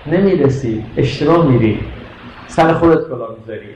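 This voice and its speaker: A man's voice: medium pitch, animated, a little mellow. A man preaching a sermon with passion, firing rhetorical questions at his listeners. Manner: impassioned, rhetorical questions to the audience. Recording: echoey muffled hall recording with faint noise.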